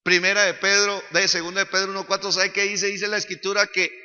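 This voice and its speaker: Male pastor, high bright forceful voice, preaching that swells to shouting, echoing church hall, dull recording. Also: fast. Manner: animated preaching that builds to shouting. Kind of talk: church sermon. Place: church sanctuary.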